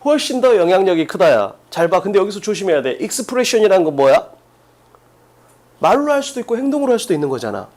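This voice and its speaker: A man teaching an exam-prep English class, firing quick questions at students and stressing key points. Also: sits high, very animated, a little mellow. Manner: drills students with rapid questions, emphatic.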